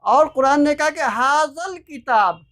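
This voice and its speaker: A man's voice: very high-pitched, slow pace, bright, forceful tone. A man teaching an online grammar class over a video call. He talks patiently and repeats each letter and word for his students.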